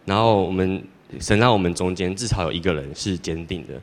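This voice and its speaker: A teenage boy giving a church testimony in a rambling, halting way, with many restarts. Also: sits low. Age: teens. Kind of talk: personal testimony. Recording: long hall reverb.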